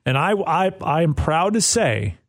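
Playful guy from wisconsin, voice bounces all over, a bit higher than most. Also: a little slow. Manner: animated, playful, acts out quotes in funny voices. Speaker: co-host. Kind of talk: casual chat.

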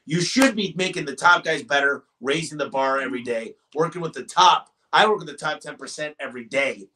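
A man's voice: fairly high pitch, a little fast, pushed and bright, far from the mic. A man, a business owner guest on a podcast, talking in an emphatic, motivational way and telling stories. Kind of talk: podcast interview.

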